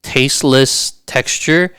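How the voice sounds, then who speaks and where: A man's voice: mid-range voice, slow, a bit bright, clear, resonant tone, dry recording, studio quality. A man who is a chef and restaurant owner, talking as a podcast guest in a casual, rambling way full of restarts and fillers. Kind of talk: casual conversation.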